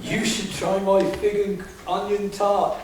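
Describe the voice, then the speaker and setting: A man playing a camp pantomime dame, a doting bawdy mother, with shrill exaggerated comic delivery in rhyme on stage. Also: flat delivery, a little slow. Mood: boastful, bawdy. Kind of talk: rhyming stage pantomime acting. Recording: distant echoey theatre recording, noisy.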